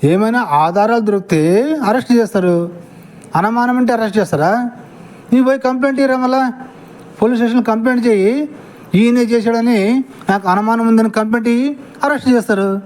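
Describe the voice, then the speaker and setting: A man's voice: very high voice, brisk, pauses often, darkish tone, low-quality recording. A man giving an angry reaction commentary to clips, scornful and insulting, mocking the person he answers.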